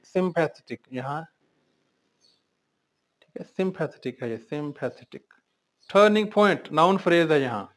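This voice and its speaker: A man's voice: fairly high pitch, lively intonation, unhurried, long pauses, fairly bright tone. Man drilling English vocabulary in Urdu. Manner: reads each word aloud, then lists synonyms and meanings. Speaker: English teacher.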